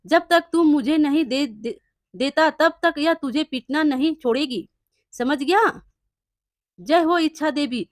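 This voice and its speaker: A woman's voice: high-pitched, takes it slowly, dry recording, studio quality. A woman voicing an honest, kindly male village blacksmith in a storybook tale. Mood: stern.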